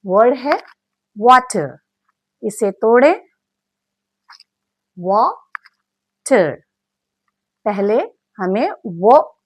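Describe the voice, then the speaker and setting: A woman narrating a scripted phonics lesson, slowly spelling out sounds and syllables and mixing in English words. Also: mid-range voice, slightly rough. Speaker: phonics teacher.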